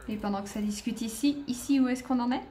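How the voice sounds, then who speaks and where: A gaming video creator, a woman, offers casual let's-play commentary and chats with the on-screen characters as she plays. Her voice is fairly high and dark-toned, and she talks fast.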